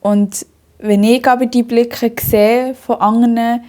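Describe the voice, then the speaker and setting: A woman's voice: fairly high pitch, flat delivery, slow, mellow. A young woman with a Bernese Swiss German accent, telling her own story in an interview, often breaking into hearty laughter and talking at length with many fillers and restarts.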